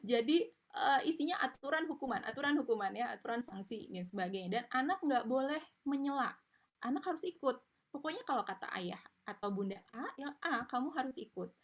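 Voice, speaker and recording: A woman's voice: on the high side, expressive, brisk. A woman giving an informal online parenting lecture, chatty and explanatory, with frequent tag fillers, over a video call mic. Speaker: parenting webinar speaker.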